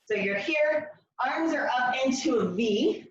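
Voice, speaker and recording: A woman's voice: sits high, animated, measured pace, a little hiss or hum. Echoey, encouraging woman fitness instructor. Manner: encouraging coaching with countdowns and step-by-step cues. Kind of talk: instructing a floor workout while demonstrating it. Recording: very echoey room, distant mic, slightly dull.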